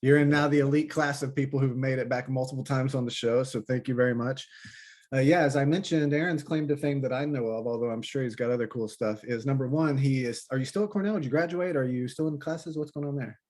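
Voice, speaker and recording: A man's voice: medium pitch, quick pace, darkish tone. A man hosting a podcast, chatting casually and enthusiastically with his co-host and a guest. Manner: upbeat, enthusiastic. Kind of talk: casual chat.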